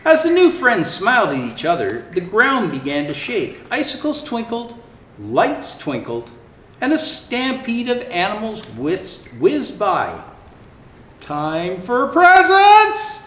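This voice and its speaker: This is a man in a Santa Claus outfit reading a picture book to children, his voice high and expressive as he stretches words out dramatically. The recording sounds roomy and echoey, with a little noise in the background.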